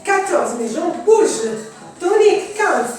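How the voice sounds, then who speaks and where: A woman leading an aerobics class, counting repetitions aloud and calling out short, energetic, encouraging cues. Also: extremely high pitch, takes it slowly. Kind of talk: group fitness coaching, counting repetitions aloud. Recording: echoey room, distant mic, music playing. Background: music.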